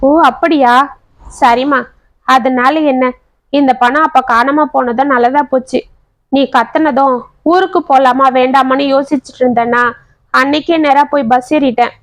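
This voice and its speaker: A woman voicing a kind young husband in a story, speaking softly and affectionately to comfort his wife. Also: sits high, steady tone, moderate pace, dry recording, natural voice. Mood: reassuring. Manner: soothing, affectionate.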